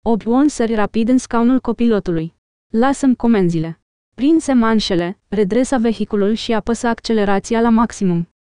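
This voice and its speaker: A woman reading a novel aloud in steady, even scripted narration. Her voice sits fairly high and is smooth and mellow, captured dry and close. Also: hardly any pauses, no echo. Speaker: audiobook narrator.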